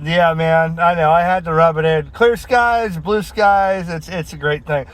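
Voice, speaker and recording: A man with a high-pitched voice makes CB radio calls from inside a vehicle. He delivers call signs and sign-offs in an informal, friendly way. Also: unhurried. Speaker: mobile CB radio operator.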